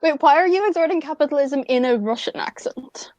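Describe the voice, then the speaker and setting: A woman player at a tabletop game making teasing, deadpan jokes in casual chat. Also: high voice, fairly quick, dry recording, dull audio.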